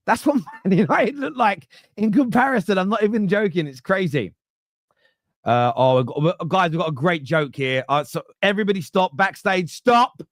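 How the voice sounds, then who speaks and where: A man's voice: high voice, animated, normal speed, a bit bright, no room sound, clean studio sound. A man in his late thirties hosting a live football fan podcast, chatty and joking. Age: 30s. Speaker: podcast host.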